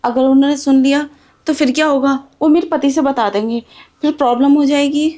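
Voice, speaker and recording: A woman's voice: sits high, fairly even intonation, fairly quick, warm tone, lightly acted. A woman playing an anxious young married woman behind on rent, who sounds worried, hesitant and defensive, in an amateur drama skit.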